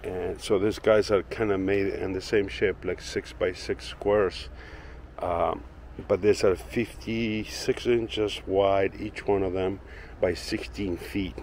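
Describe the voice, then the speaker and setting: With the camera in his own hand, a man with a low voice leads a loose tour of his backyard garden and then his workshop inside, for his woodworking channel. His talk rambles, relaxed and packed with fillers, over a little hiss or hum.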